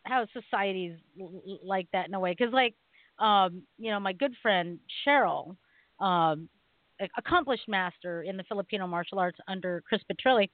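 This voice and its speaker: A woman's voice: mid-range voice, normal speed, no echo. Rambling woman on a tinny phone line. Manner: rambling, with many restarts and frequent laughs. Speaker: radio talk show co-host and martial arts teacher. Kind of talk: casual radio chat.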